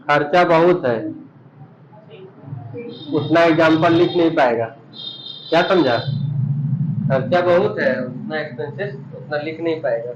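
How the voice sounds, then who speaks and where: In an accounting lesson, a male commerce teacher explains terminology and repeatedly questions his students, speaking unhurriedly with frequent pauses. His pitch is fairly high, and the dull, echoey room recording carries background noise.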